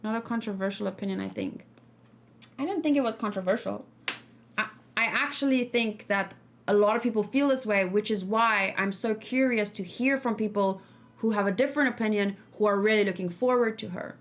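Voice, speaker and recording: Speaking briskly in a mid-range voice, this streamer and reaction host muses about a game during a casual livestream. She thinks aloud as she goes, keeping the talk informal.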